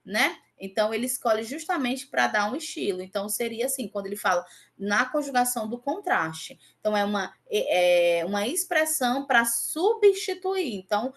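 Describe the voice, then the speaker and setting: A woman with a fairly high voice teaches a grammar lesson and walks her students through exam answers. She repeats her example words slowly and keeps asking whether everyone is following. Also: lively intonation. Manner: patient, checks in often with "tá?" and "ok?". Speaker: Portuguese teacher. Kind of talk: online class explaining exam answers.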